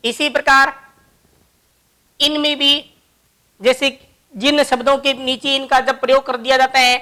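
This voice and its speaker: Slow, bright-voiced woman teaching grammar. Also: high voice, little pitch movement. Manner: slow, explaining each example word by word. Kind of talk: classroom grammar lesson.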